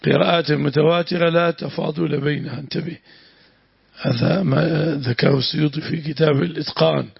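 Gravelly husky sheikh teaching. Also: male voice, fairly high pitch, steady tone, dry recording. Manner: deliberate, repeats phrases, adds short prayers. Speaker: sheikh teaching Quran commentary. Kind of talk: traditional religious lesson, explaining and correcting. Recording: dull, dry lo-fi room recording.

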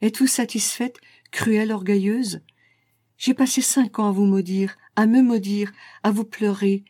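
A woman's voice: medium pitch, steady tone, unhurried, mellow, no room sound, clean studio sound, lightly acted. A woman voicing a passionate young lover. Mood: impassioned.

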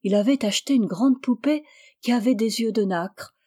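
Mellow woman reading a story. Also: a little high, moderate pace, slightly rough. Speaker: audiobook reader. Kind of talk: storybook narration.

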